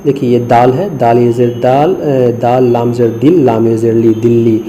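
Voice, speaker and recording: Indian guy teaching urdu letters, spells stuff out slow and patient, really dark mellow voice, bit of faint background noise. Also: medium pitch, steady tone, poor audio. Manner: mixes English words into Urdu explanations. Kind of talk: screen lesson.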